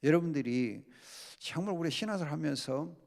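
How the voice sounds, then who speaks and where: Animated gravelly Korean pastor teaching. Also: male voice, on the high side, brisk. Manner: lively, acts out quoted complaints and prayers. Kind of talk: Bible study sermon.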